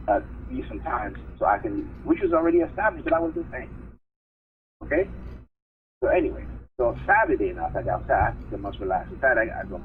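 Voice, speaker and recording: A man calling in to a live stream, telling a long, aggrieved story in a rambling way and checking in with "right?" and "okay?". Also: medium pitch. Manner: aggrieved, repeats himself, leans on "right?" and "okay?". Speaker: caller on a support live stream. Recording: narrow phone line with faint hiss.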